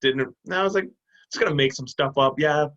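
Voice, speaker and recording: A young man in his twenties, a guest telling animated stories with laughs in a casual video call chat. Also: on the high side, brisk. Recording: dull lo-fi video call audio.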